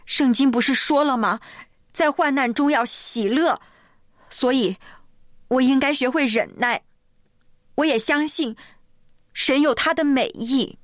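A woman's voice: high-pitched, a little slow, long pauses, no echo, clean studio sound, voice pushed up. A woman voicing a hurt, defensive young woman who holds back tears and speaks with aggrieved insistence. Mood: forced calm. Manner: aggrieved, pleading, then forced calm. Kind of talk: storybook character voice.

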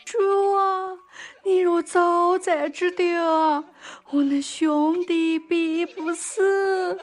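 A woman voicing Mary, a grieving younger sister who speaks in a high, drawn-out, tearful way. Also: flat delivery, faint music behind, exaggerated voice.

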